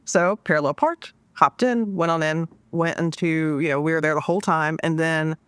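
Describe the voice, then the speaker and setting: A woman in her forties, a podcast guest, telling a casual story with lively asides and acted-out quotes. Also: low voice, normal speed, clear, resonant tone, dry recording. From Washington DC area. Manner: animated, acts out quoted dialogue.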